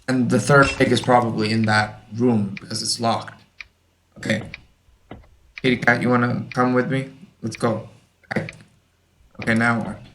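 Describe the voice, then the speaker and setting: A man's voice: mid-range voice, level tone, a little slow, pauses often, a bit bright. A young man rambling through a horror game, baffled, reading game text aloud as he plays. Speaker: let's play host. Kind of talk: casual gameplay commentary. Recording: distant mic with faint noise.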